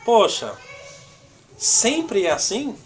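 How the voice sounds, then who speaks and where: A man's voice: high-pitched, wildly swooping pitch, extremely slow, a little hiss or hum. A man gives an informal church teaching, full of "né?" tags and little acted-out dialogues. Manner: conversational, constantly adds "né?" tags; acts out little quoted dialogues. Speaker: discipleship teacher.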